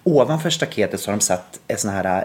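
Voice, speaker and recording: Animated man telling a podcast story. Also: fairly low pitch. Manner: animated retelling with quoted dialogue and many restarts. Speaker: podcast host.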